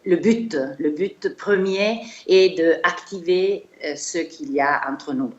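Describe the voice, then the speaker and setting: Italian-accented woman, low voice, hesitant. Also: takes it slowly, a little mellow, reverberant, dull audio. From Italy. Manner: hesitant, many fillers and restarts. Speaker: chiropractor guest. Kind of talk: casual interview.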